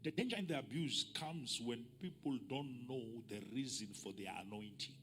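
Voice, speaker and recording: A bishop preaching a sermon at a pulpit microphone, moving between calm teaching and loud, shouted climaxes. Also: male voice, mid-range voice, moderate pace. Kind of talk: sermon, mixing English and Sesotho. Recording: music playing behind.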